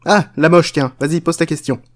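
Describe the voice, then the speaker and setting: A man's voice: on the high side, fairly even intonation, brisk, close to an everyday voice. A man playing a crude, unhinged chocolate factory owner, rambling, swearing and mocking in a comic parody.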